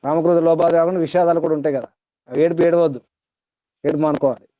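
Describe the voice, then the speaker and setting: A man's voice: fairly high pitch, fairly even intonation, fast talker, dark tone, no room sound, lo-fi sound. A man giving a spiritual discourse to a class, repeating points, chanting Sanskrit verses and quizzing his listeners. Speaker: spiritual teacher.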